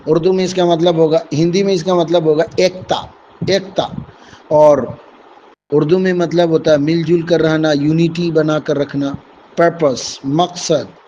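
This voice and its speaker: A man's voice: on the high side, flat delivery, warm tone, lo-fi sound, slight background noise. A man teaching a vocabulary lesson, explaining English words one by one with Urdu and Hindi meanings and calling his listeners dear students.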